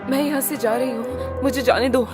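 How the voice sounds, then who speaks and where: A woman's voice: steady tone, normal speed, music in the background, natural voice. A woman voicing a terrified captive girl. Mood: defiant. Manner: pleading and refusing in high, strained cries. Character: frightened, defiant young woman held captive. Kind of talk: dubbed film acting. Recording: dubbed dialogue over loud film score.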